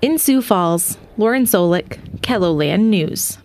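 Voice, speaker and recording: A woman's voice: mid-range voice, lively intonation, slow pace, darkish tone, slight background noise. An American woman narrating a scripted television news report as a reporter.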